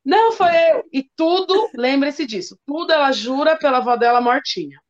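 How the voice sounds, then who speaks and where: A woman's voice: high-pitched, lively intonation, normal speed. A woman who works as a school coordinator, chatting casually and animatedly acting out children's voices as she tells stories. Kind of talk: casual storytelling chat. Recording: dull lo-fi sound.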